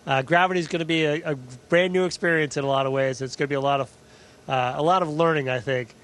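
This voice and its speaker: A man's voice: a little high, fairly even intonation, quick pace, fairly bright tone. A man speaking as an astronaut, answering a question in an informal, reflective, explanatory way. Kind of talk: answering questions in a live link-up.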